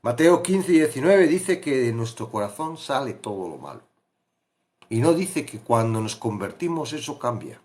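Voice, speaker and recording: A man's voice: mid-range voice, very animated, moderate pace, darkish tone. A man with a Peninsular Spanish accent teaching a Bible study, talking conversationally and asking rhetorical questions. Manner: conversational, asks rhetorical questions, acts out pleading voices.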